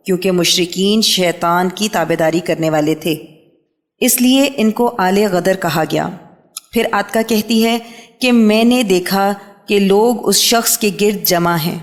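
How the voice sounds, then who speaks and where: A woman reading a religious history book aloud in a steady, measured way, announcing each new heading. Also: medium pitch. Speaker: book reader. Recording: long hall reverb.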